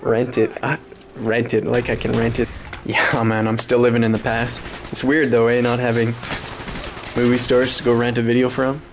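A man talks over his game footage from his apartment, his voice hoarse and roughened with gravelly fry. He rambles off topic in a loose, profane way, laughing often. His pitch sits in an ordinary middle range. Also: monotone, normal speed, background noise. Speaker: gaming commentator. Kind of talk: casual game commentary. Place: apartment at home.

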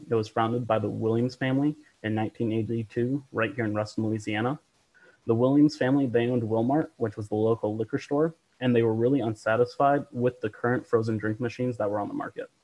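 A man's voice: fairly low pitch, steady tone, a little fast, darkish tone, poor audio. A young man, a student presenter, delivering a prepared presentation. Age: young adult.

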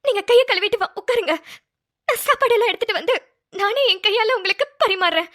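A woman voicing a kind, tender-hearted middle-aged mother in a homemade cartoon. She speaks gently and motherly, pleading softly. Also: very high voice, animated, quick pace. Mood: warm.

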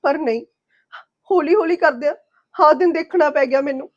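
Woman acting as wronged young wife, tearful, high voice, pleading, bitter toward husband. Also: moderate pace, lo-fi sound, natural voice.

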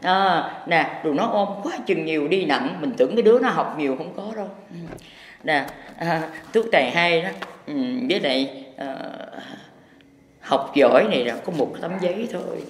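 A man's voice: on the high side, expressive, moderate pace, slight background noise. A man, a Buddhist teacher giving a folksy, rambling impromptu sermon. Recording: echoey hall with long reverb.

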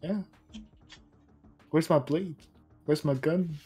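A woman's voice: low voice, slow pace, warm tone, breathy edge, soft background music. A woman from China streaming a game, chatting casually and giggling apologetically. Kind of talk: casual chat while gaming.

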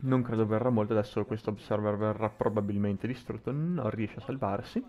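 A man's voice: lowish voice, fairly quick, mellow. A man giving live commentary on a video game match, often repeating and reworking his phrases as he goes. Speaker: esports commentator.

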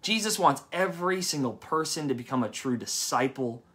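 Bright-voiced animated young preacher man. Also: on the high side, moderate pace. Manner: animated, conversational, quotes people in lively voices. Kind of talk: sermon. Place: church service.

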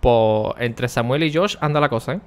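A young man, chatting casually on a stream and talking to his viewers by name, often keeping his voice low for the neighbours. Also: normal speed, clear, resonant tone. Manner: speaking quietly for the neighbours.

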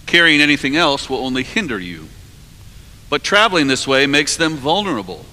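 A man in his forties preaching a sermon from a cathedral lectern, measured and earnest, his phrases trailing off softly at the ends. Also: on the high side, very animated. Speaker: priest preaching. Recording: long cathedral reverb.

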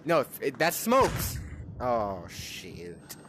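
A young man giving casual commentary while playing a game with a friend, jumpy, swinging from hushed mutters to shrieking laughter. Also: medium pitch, wildly swooping pitch, drawn-out words, background noise.

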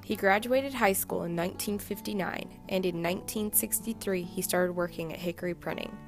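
A woman's voice: mid-range voice, normal speed, soft background music. A young woman reading a scripted, fond narration about her grandfather.

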